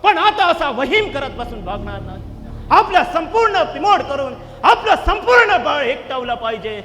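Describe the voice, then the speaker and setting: A man's voice: very high voice, sing-song, moderate pace, bright, forceful tone, full character voice. An actor playing a scheming, ruthless king in a musical stage drama, giving commanding and threatening orders. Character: scheming, ruthless middle-aged male king. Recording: echoey hall, long reverb.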